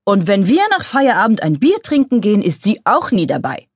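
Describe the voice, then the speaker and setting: A woman's voice: medium pitch, big pitch swings, moderate pace, husky, no room sound, studio quality. A woman voicing a snide, venomous female office colleague who swears by astrology.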